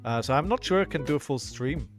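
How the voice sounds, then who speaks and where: A hoarse man on a headset mic, casually commenting on a live card game while he plays, halting and repeating words as he thinks aloud. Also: medium pitch, lively intonation, over music. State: hoarse, coughing.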